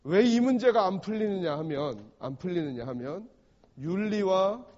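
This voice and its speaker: A man's voice: sits high, expressive, moderate pace, darkish tone. A male pastor preaching a sermon, retelling a parable and often asking the congregation rhetorical questions. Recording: dull recording in a reverberant church hall.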